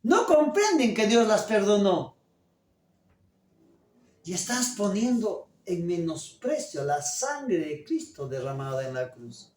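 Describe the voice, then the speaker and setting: A pastor preaching a sermon at a deliberate pace and pausing to put questions to the congregation. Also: mid-range voice, darkish tone. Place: church. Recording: echoey church room, voice from a distance.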